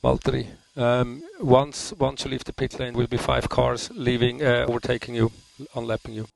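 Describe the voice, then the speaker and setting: A man's voice: mid-range voice, little pitch movement, normal speed, creaky, a little hiss or hum, low-quality recording. A man on race radio giving short announcements and time countdowns, often repeating each call.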